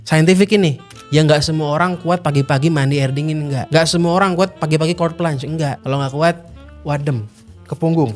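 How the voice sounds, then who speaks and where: A man's voice: a little high, brisk. A man hosting a casual commentary, blunt and mocking in manner. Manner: blunt, mocking, animated slang-heavy talk. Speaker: host. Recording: faint music underneath.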